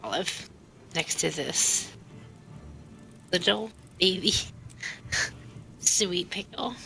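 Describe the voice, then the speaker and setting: Woman streamer, chatty and giggly in casual game voice chat; very bright tone. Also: lowish voice, lively intonation, very slow, vocal fry, soft background music, low-quality recording. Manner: chatty, giggly, eats while talking. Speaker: streamer playing with friends. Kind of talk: casual voice chat while gaming.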